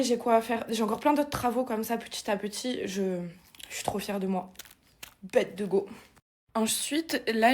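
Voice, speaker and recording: Chatty woman vlogging from her house. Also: mid-range voice. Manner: chatty, talks viewers through home plans. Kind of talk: casual vlog chat at home.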